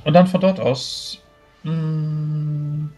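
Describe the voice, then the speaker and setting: A man's voice: a little high, level tone, drawn-out words, warm tone. A man taking his turn as a player in a tabletop role-playing game, talking casually through his moves. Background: music.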